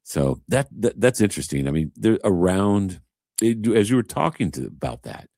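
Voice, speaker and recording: A man's voice: lowish voice, very animated, normal speed, vocal fry, darkish tone, no room sound, clean studio sound. A man chatting casually as a host, an emphatic, rambling storyteller. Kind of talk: casual chat.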